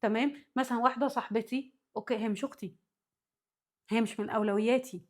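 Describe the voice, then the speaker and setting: A woman's voice: on the high side, steady tone, fast talker. A woman with an Egyptian accent giving a spoken psychology lesson. She walks through worked examples and often stops to check that her listeners follow. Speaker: psychology teacher.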